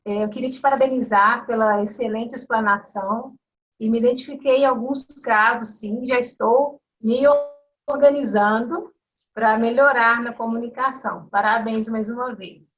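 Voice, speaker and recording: A woman's voice: a little high, fairly even intonation, moderate pace, a bit bright, muffled recording. A woman joining a video call, politely praising the speaker. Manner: polite and admiring. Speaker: participant. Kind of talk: live video-call comment.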